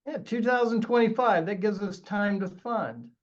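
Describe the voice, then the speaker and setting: A reluctant condo owner, as a man acts him out in a training role-play, hesitant before he gives in. His voice sits a bit high. The audio is dull and lo-fi. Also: moderate pace, close to an everyday voice. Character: reluctant male condo owner pushing to delay.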